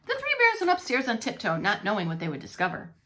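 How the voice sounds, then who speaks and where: A woman's voice: fairly high pitch, wildly swooping pitch, quick pace, heavy background noise. A woman reading a story aloud to young children as a preschool teacher, expressively and with playful asides. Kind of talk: expressive children's read-along narration.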